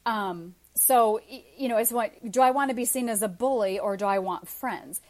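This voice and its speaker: A woman's voice: on the high side, normal speed, darkish tone. Woman, forties, interview guest; candid, chatty, wry. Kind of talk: casual interview chat.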